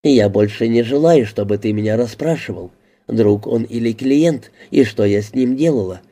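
A man reading an audiobook, voicing a blunt, quick-tempered woman who swears and used to be a call girl. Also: medium pitch, warm tone, natural voice. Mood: angry.

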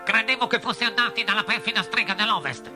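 A man's voice: high voice, fast talker, voice pushed up, lightly acted. A green-bearded palace soldier, played by a man telling the story, exclaiming in astonishment. His voice jumps well above the narrator's, with faint music behind. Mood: astonished.

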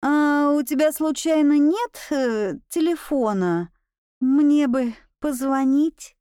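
A woman's voice: sits high, slow pace, dark tone, no echo, studio quality, pitched above the performer's own voice. A woman voicing a frightened young heroine in a storybook, who asks nervous, startled questions.

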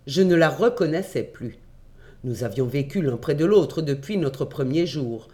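A man reading a classic adventure novel aloud, in measured, expressive storytelling. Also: a little high. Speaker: audiobook reader.

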